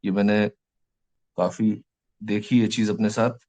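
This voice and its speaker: A male teacher with an Indian English accent giving a lecture, slowly dictating English phrases word by word between explanations. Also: fairly low pitch, fairly even intonation, a little mellow.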